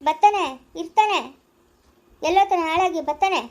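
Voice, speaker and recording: A woman's voice: very high voice, normal speed, darkish tone. A woman acting as an angry mother who scolds and urges on behalf of her wronged daughter in a family skit. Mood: urging. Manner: scolding, indignant.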